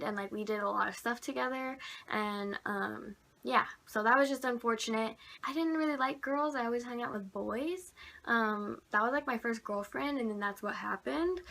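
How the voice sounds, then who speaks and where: A woman's voice: fairly high pitch, sharp tone. A young woman vlogging on her phone, telling stories in a chatty way, full of "like". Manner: chatty, peppered with "like". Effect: recorded on a phone. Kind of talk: casual storytelling to camera. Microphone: phone camera.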